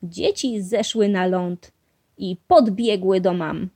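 A woman reading a children's storybook aloud in a clear, measured way. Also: medium pitch, warm tone. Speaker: storybook reader.

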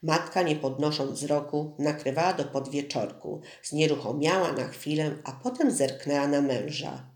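An audiobook narrator reading a story in a steady, measured way. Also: mid-range voice. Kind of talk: scripted narration. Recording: roomy echo.

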